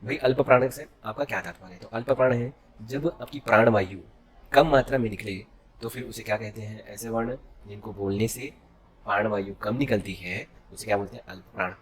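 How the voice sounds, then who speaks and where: A man with a fairly low voice teaches an exam-prep class. He keeps firing questions at his students and answering them himself. He checks after every point that they are following. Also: fairly quick. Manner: drills with self-answered questions and constant "okay?" checks.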